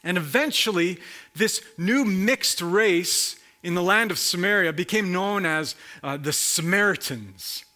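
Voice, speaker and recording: A man preaching a sermon, slowly explaining a Bible passage and posing rhetorical questions. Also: high-pitched, bright, forceful tone. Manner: slow, reflective Bible teaching with rhetorical questions.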